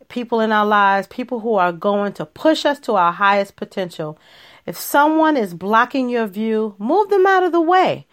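Earnest woman hosting a solo podcast. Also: a little high. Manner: earnest, laughs at her own points. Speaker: podcast host.

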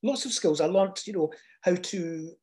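An older man shares reflective personal stories. His voice sits high for a man and has a soft, mellow tone. He speaks haltingly, pausing often as he goes. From Scotland.

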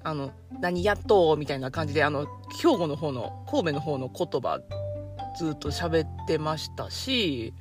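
A woman's voice: low voice, lively intonation, normal speed, music in the background. A woman with a Kansai accent, hosting a casual monologue in a chatty, self-deprecating way and laughing easily. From Kansai, Japan. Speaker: podcast host.

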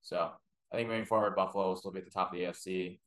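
A man co-hosting a casual sports betting podcast with a very deep voice. He talks quickly in a laid-back way, full of fillers and hedges. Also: fairly even intonation, fairly bright tone. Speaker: podcast co-host.

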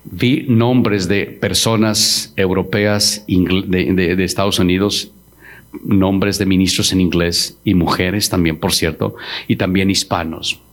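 A middle-aged man, a pastor giving a solemn testimony in a church, slowing down to quote words with emotion. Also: sits low, steady tone. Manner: slow, solemn, quoting Jesus with emotion. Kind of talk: testimony sermon.

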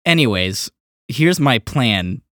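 A man's voice: medium pitch, sing-song, slow, pushed and bright, no echo, clean studio sound. A man co-hosting a podcast, spinning a playful plan and laughing often in casual chat. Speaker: podcast co-host.

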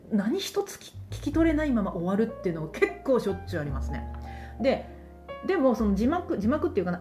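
A woman's voice: mid-range voice, mellow. A woman talking to camera in a chatty, playful monologue, full of exaggerated asides. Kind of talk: casual spoken monologue.

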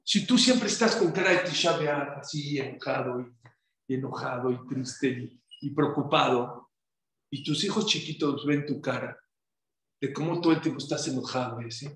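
A man giving a sermon as a rabbi, lively, firing rhetorical questions at his listeners. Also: mid-range voice, normal speed. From Mexico. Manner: animated, rhetorical questions to the audience. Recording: echoey room.

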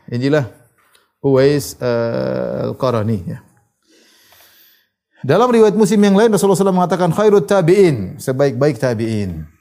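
A religious teacher with a mid-range, creaky, mellow voice gives a storytelling lesson. He reads Arabic narrations, then retells them casually and acts out what the characters say.

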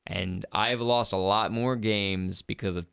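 A tired man with a rough, gravelly voice co-hosts a casual gaming podcast, ranting and joking in a sarcastic way. His voice sits on the low side and sounds dry and close. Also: fairly even intonation, measured pace, a bit bright, no echo. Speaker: podcast co-host.

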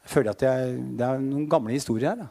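A man's voice: mid-range voice, warm tone, big-room sound. A man in his fifties preaching a sermon, telling stories and rising into fervent proclamation. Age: 50s.

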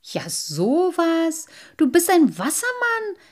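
A woman voicing a group of cheeky young village boys with loud, teasing exclamations in an audiobook. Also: medium pitch, expressive, normal speed. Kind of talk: audiobook character reading.

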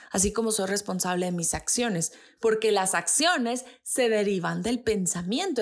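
A woman in her thirties hosting a podcast, explaining ideas in an earnest, teaching monologue that climbs in pitch to stress a point. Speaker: podcast host.

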